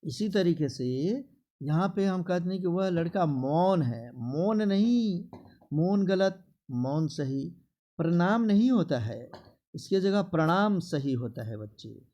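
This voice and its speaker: A male teacher with a Bihari Hindi accent drills spelling in a classroom. He speaks slowly in a somewhat high, mellow voice. He repeats each word patiently to his students. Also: animated, highs cut off. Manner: slow, repetitive, drilling words with students.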